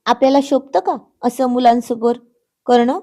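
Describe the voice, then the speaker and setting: A pouting young wife, sulky and coy with her husband, as a woman narrator plays her. Her voice is warm and mellow, pitched a little high. It sounds like dialogue read in a family storybook. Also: normal speed, lightly acted. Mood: flustered. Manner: pouty, coy.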